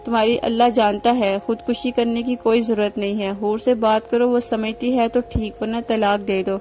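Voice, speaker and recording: A woman voicing a concerned male friend who calmly gives advice. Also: on the high side, faint music behind, natural voice. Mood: advising. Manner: calm, advising.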